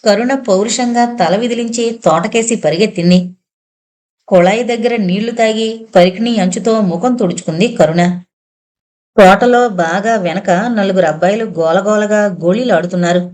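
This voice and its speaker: A woman's voice: mid-range voice, normal speed, darkish tone. Woman narrating a novel. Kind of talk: scripted narration.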